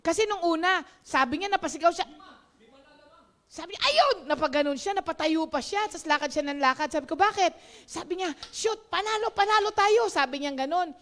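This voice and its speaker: A woman's voice: extremely high pitch, brisk, fairly bright tone. A Filipino woman preaching in a casual, chatty devotional talk, laughing often and mixing English phrases in.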